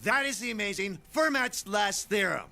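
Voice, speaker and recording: High, theatrical, impassioned math teacher. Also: male voice, lively intonation, moderate pace, creaky, pushed and bright, exaggerated voice. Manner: theatrical, earnest. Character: passionate, idealistic male math teacher, prone to despair. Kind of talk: dramatic dubbed lecturing.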